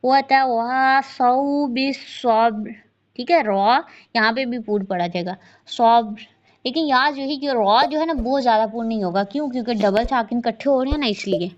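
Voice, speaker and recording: A woman teaching a tajweed lesson, chanting verses slowly and then explaining each sound briskly. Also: a little high, muffled recording, a little hiss or hum. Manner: slow drawn-out recitation between brisk explanations. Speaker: Quran recitation teacher.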